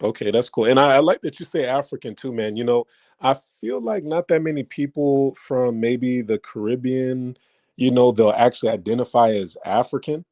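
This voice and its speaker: A man's voice: medium pitch, moderate pace, darkish tone, no echo. A man hosting a casual interview, asking loose, filler-heavy questions in a laid-back way. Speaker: host interviewer.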